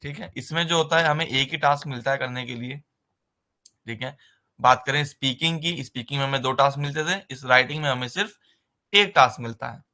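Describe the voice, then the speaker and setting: A man teaching a nursing writing-exam lesson in a conversational way, often pausing with a filler and mixing terms into his speech. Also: medium pitch, sharp tone. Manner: conversational, repeats "ठीक है" as a filler, mixes English terms into Hindi. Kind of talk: explaining exam basics in a recorded lesson.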